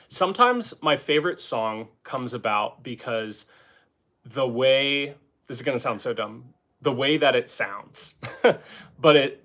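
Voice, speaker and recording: A man who is a drummer and channel host, chatting casually on a live stream from home, relaxed and rambling with lots of filler words. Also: medium pitch. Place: home, playing snare drum between talk.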